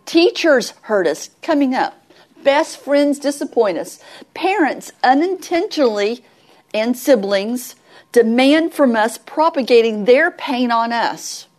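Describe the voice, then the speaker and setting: Southern woman, middle-aged, folksy ministry teacher, slightly high voice, plain earnest delivery. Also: lively intonation, slow pace. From Southern United States.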